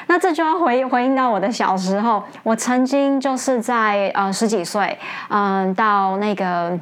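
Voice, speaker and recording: A woman teacher, hosting an English lesson in a chatty, casual way, often laughing and jumping up in pitch to stress points. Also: normal speed.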